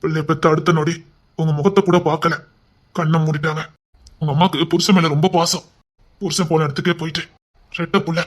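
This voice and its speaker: Man, storyteller, high voice, quick delivery, dramatic serial narration, acts all the parts. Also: level tone. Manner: voices every character himself, shifting to high emotional lines.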